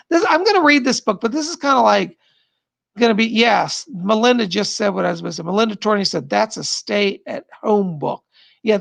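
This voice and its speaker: Reading viewer comments in a relaxed live-stream chat from home, a middle-aged psychic rambles and laughs often. His high, gravelly voice sounds strained and tired, as if he's losing it. There is no echo.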